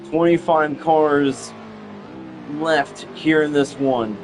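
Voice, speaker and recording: Over engine roar and music, a young male commentator with a slightly high voice narrates a simulated stock car race. His play-by-play comes out haltingly, full of repeated phrases and restarts.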